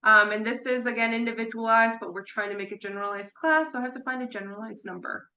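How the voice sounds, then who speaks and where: Bright-voiced woman lecturing on parrot behavior. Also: fairly high pitch, steady tone, fast, dull audio. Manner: chatty, repeats words for emphasis, laughs now and then. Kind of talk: informal online lecture. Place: room at home with her birds. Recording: echoey room.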